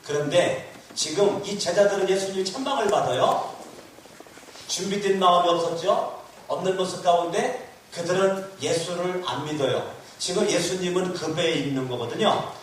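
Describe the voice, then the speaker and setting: The pastor's voice here is high-pitched and moves at a moderate pace as he delivers a sermon full of emphatic repetition and questions aimed at the congregation. It was recorded at a distance in an echoey church hall, with a faint hiss or hum.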